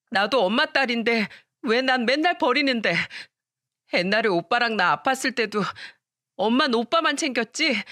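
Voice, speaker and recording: A woman's voice: fairly high pitch, pushed and bright, dry recording, studio quality, voice pushed up. A woman voicing a hurt young schoolgirl who pleads with her mother through tears, in a storytelling narration. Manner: pleading, sobbing complaints.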